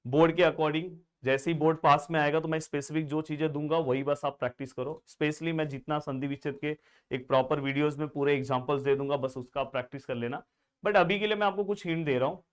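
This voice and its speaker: A man's voice: on the high side, steady tone, quick pace, clean tone. Chatty male grammar tutor. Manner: chatty, repeatedly addressing students as friends; answers his own imagined student questions. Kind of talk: exam-prep lesson.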